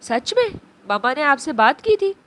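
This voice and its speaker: A woman's voice: high-pitched, sing-song, normal speed, fairly bright tone. A woman doing a sweet little grieving girl. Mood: tearful pleading. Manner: sweet pleading childlike voice. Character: small grieving girl, innocent and eager.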